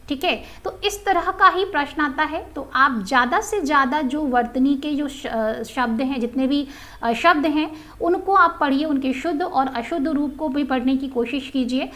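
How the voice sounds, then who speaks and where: A woman's voice: high voice, sharp tone. A woman Hindi teacher giving a recorded grammar lesson to students. She talks patiently, often checks in with the class, and says example words aloud with stress. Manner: patient, repeats "ठीक है" often and addresses students as "बच्चों".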